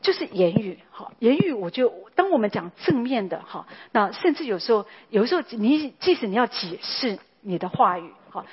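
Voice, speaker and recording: A woman's voice: a little high, breathy edge, dull audio. A woman, a pastor's wife preaching a sermon in a chatty way, full of tag particles and fillers.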